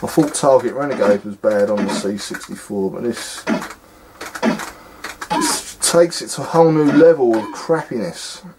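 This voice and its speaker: A man's voice: mid-range voice, lively intonation, moderate pace, noisy background. A man giving casual gameplay commentary as a retro game reviewer, exasperated and scornful, rambling with fillers.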